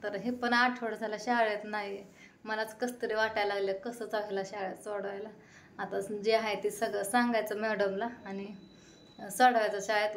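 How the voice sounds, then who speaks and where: Chatty mother telling her morning. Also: mid-range voice. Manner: chatty storytelling, quoting herself and her children. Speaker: vlogger and mother. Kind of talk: casual home vlog narration. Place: home.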